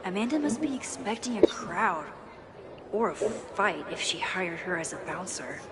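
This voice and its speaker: A woman's voice: on the low side, lively intonation, moderate pace. An actress voicing a wry, thoughtful young woman in a story game, speaking dialogue and inner monologue in a dry tone. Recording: game audio with loud noise and crowd.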